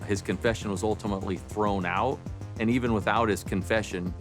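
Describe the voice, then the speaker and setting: Man, police detective, documentary interview, official phrasing, deliberate, lowish pitch, light background music. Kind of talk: documentary interview, recounting case facts.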